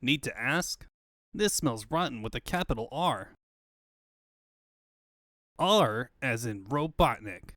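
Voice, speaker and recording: A man's voice: mid-range voice, lively intonation, slow, long pauses, fairly bright tone, no room sound, clean studio sound. A man voicing a cocky young male hedgehog hero with quippy, breezy banter in a comic book fandub. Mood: breezy, wisecracking.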